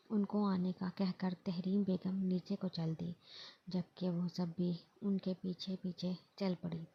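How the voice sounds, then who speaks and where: A woman narrates a romance novel in a steady storybook reading. Her voice is low and flat, gravelly and heavily husky. The recording sounds dull and lo-fi.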